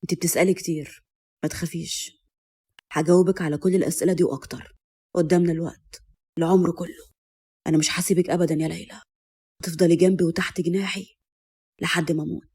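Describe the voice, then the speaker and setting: A woman voicing a calm, commanding young man with an Egyptian accent, speaking low and controlled in an audio story. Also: quick pace, long pauses, slightly rough. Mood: tender.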